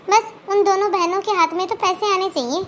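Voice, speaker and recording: A woman's voice: very high voice, fairly even intonation, brisk, fairly bright tone, slight background noise. A woman doing a blunt, stingy cartoon aunt. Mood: scolding. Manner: scolding, blunt. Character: middle-aged aunt, stingy and dismissive. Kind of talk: Hindi cartoon voice acting.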